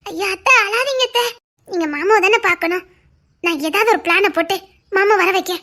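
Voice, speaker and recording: Young niece, gentle and scheming, voiced by a woman; high-pitched, bright. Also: brisk. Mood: soothing. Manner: soothing, coaxing. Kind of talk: one-voice family drama acting.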